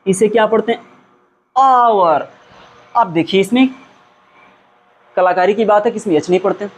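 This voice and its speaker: A male teacher with a high-pitched voice delivers a grammar lesson at a slightly fast clip, with slight background noise. He poses questions to his students, answers them himself, and repeats key words for emphasis.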